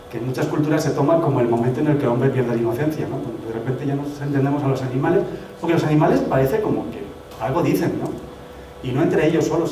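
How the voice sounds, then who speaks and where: A man's voice: mid-range voice, mellow, a little hiss or hum. A man from giving an academic lecture in a municipal hall. He explains in a conversational way and keeps checking in with rhetorical questions. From Spain. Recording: very echoey hall, mic far off.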